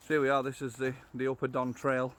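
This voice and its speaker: A middle-aged man with a Yorkshire accent talks casually as he guides viewers along an outdoor trail. His delivery is unscripted and down-to-earth, as he thinks aloud into a phone held at arm's length. His pitch sits in an ordinary middle range for a man. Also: monotone, quick pace, fairly bright tone, slight background noise. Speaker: vlogger, walking guide. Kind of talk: casual walking vlog narration.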